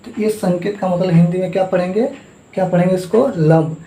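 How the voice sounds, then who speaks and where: A man's voice: sits high, fairly even intonation, a little fast, dark tone. A man teaching a math lesson, repeating each term and asking the class to say it back. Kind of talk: classroom lesson with call-and-response drilling. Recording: echoey room.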